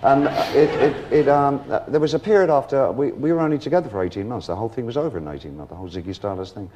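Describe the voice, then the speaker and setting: A middle-aged man talking as a guest on a television talk show, telling lively anecdotes, laughing often and acting out other people's voices. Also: medium pitch, very fast, highs cut off. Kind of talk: casual anecdotal interview chat.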